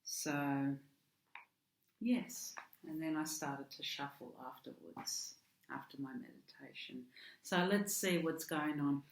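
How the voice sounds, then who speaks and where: A woman's voice: low voice, slow. A woman with an Australian accent giving a casual monthly tarot reading, hesitant, with frequent ums and restarts. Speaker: tarot card reader. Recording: echoey room.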